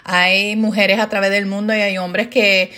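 A middle-aged woman talking casually to her viewers, ranting in an animated way with rhetorical questions and frequent laughs. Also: mid-range voice, measured pace. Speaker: vlogger.

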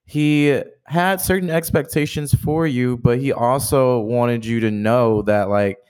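A man's voice: medium pitch, unhurried, a little mellow, clean tone. A man hosting a podcast, asking questions in an easygoing, supportive way with casual slang. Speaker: podcast host. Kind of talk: casual interview chat.

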